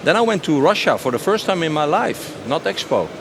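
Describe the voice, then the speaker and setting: Fairly high-pitched and very animated, this man in his 50s speaks a little fast as he gives spontaneous interview answers. He is a company sales director at a trade show stand, enthusiastically stressing and repeating his phrases over the obvious noise of a crowded exhibition.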